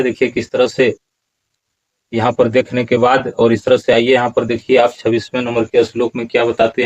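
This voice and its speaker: A man teaching Sanskrit verse pronunciation in a slow, explanatory lesson, repeating words syllable by syllable. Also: medium pitch, a little mellow, dull audio.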